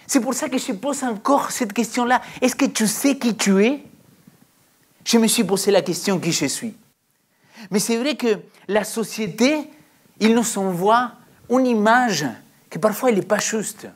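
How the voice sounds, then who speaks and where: A woman's voice: on the high side, measured pace, slightly rough. A woman preaching a sermon in a questioning, reflective way, drawing out her phrases.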